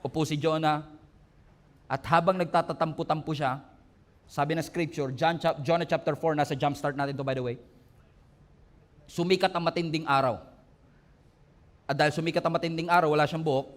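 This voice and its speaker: Male pastor with a high voice, animated sermon delivery. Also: fairly quick, pauses often. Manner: animated preaching, acts out quoted voices, laughs along.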